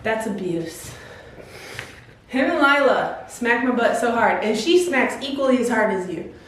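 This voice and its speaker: A very echoey home recording, picked up away from the mic with faint noise. A woman with a fairly high voice chats informally as a workout vlogger, giggly and quick to swear. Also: lively intonation, distant mic. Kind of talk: casual chat to camera and partner. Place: indoors at home, echoey room.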